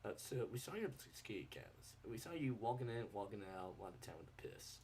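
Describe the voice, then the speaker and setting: A stern male cinema staffer, put on by a man, speaking low and hushed. His voice sits well below the teller's own pitch and stays quiet and accusing throughout. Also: big pitch swings, quick pace, a little hiss or hum.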